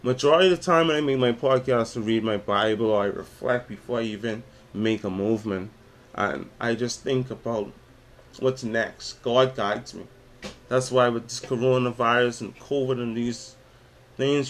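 A man in his twenties with a Bahamian accent, hosting his own podcast, talking about faith and reciting spoken word poetry with dramatic intensity. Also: mid-range voice. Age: 20s. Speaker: podcast host.

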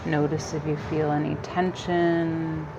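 A woman guiding a yoga nidra relaxation in a calm, soothing, gentle manner with long pauses between phrases. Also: deep voice, dull audio, background noise. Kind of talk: guided relaxation meditation.

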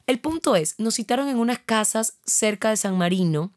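A woman, co-hosting a casual chat and telling a story with lively acted-out dialogue. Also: fairly high pitch, moderate pace, dry recording, clean studio sound. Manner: animated storyteller acting out quoted dialogue. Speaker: podcast co-host.

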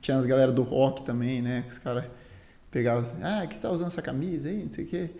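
Speaking at a rapid-fire clip, this Brazilian guest, who fights and teaches Muay Thai, has a medium-pitched, dark voice and a Brazilian Portuguese accent. He spins a story in casual slang, dropping lots of filler words along the way, and the audio has an echoey, roomy quality.

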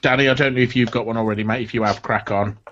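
A man's voice: mid-range voice, steady tone, racing, fairly bright tone, slight background noise. A man co-hosting a casual podcast, chatty and enthusiastic, calling people mate. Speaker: podcast co-host. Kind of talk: casual chat. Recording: dull lo-fi sound.

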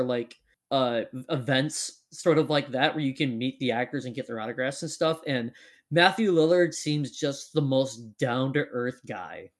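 A young man hosting a casual chat, rambling with lots of fillers. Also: on the high side. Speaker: podcast host.

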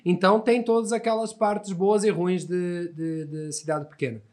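This podcast guest, a thirtysomething man from Portugal with a European Portuguese accent, has a high-pitched voice with a darkish, steady tone and a moderate pace. His storytelling is chatty and conversational, full of restarts and tag questions.

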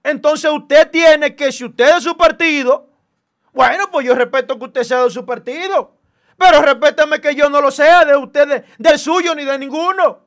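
A man with a strikingly high voice argues on a talk panel. He is insistent and fires off repeated denials. His speech stays heated and pressing. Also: measured pace, fairly bright tone.

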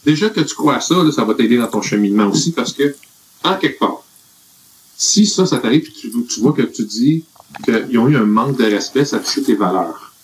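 A man's voice: medium pitch, animated, brisk, low-quality recording. A man with a Quebec French accent, earnestly giving rambling life advice in a casual group chat. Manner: earnest, rambling with many fillers.

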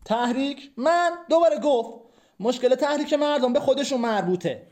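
Comedy sketch: a man as a cheeky, wheedling street guy with a very high voice. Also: lively intonation. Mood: pleading. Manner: cheeky, slangy and wheedling, swinging between loud protest and muttering. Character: cheeky working-class man under interrogation.

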